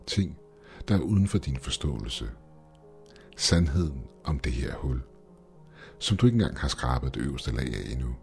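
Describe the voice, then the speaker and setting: A man's voice: extremely low pitch, sing-song, gravelly, pauses often, darkish tone, soft background music, heavily acted. A man voicing an older male double of the narrator, insistent and explaining urgently in a horror story.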